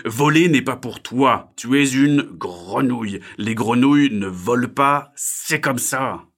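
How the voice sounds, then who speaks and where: A man's voice: mid-range voice, expressive, takes it slowly, fairly bright tone, pitched above the performer's own voice, heavily acted. A man voicing a tired, grumpy male pond creature in a storybook, scolding firmly. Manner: scolding, firm.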